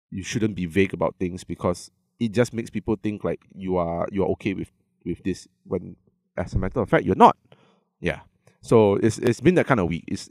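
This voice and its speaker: A man's voice: low voice, a little mellow, no room sound, studio quality. Malaysian man chatting in slangy local English. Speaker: podcast co-host. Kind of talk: casual comedic podcast chat.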